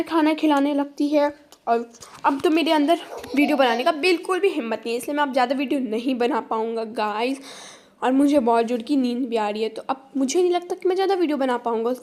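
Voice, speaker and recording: A woman's voice: high-pitched, darkish tone, close to an everyday voice. A woman voicing a mischievous, boastful little boy, narrating his day in a playful sing-song way with lots of repetition.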